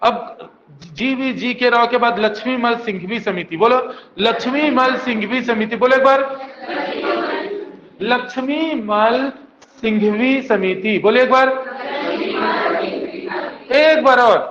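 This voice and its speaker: A man's voice: extremely high pitch, measured pace, pauses often, noisy background. A man teaching a coaching class, drilling students with mnemonics in call-and-response. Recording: dull echoey classroom recording.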